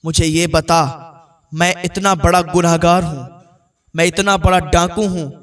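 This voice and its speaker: A man's voice: on the high side, steady tone, fairly bright tone, close to an everyday voice. Man playing a remorseful bandit boss, earnest and pleading, mic kinda far. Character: remorseful adult male bandit chief.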